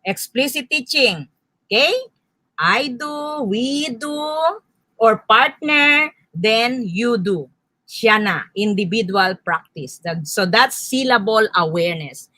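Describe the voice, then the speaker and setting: A woman's voice: medium pitch, animated, sharp tone, dry recording. A Filipino woman leading a teacher training lesson, modeling reading drills aloud and correcting herself as she goes. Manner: demonstrative, claps and counts syllables aloud; self-correcting, brisk asides. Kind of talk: lecture mixing Filipino and English. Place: indoor training session.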